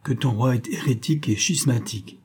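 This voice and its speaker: A man's voice: medium pitch, lively intonation, fairly quick, darkish tone, breathy edge. A man reading as a pompous zealous preacher. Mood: declaiming.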